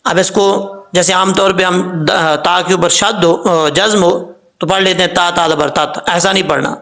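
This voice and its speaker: This teacher of Quran recitation is a man with a Pakistani accent whose fairly bright voice sits high and comes out flat. He moves fast through explanations but slows right down to draw out recited words and their spellings.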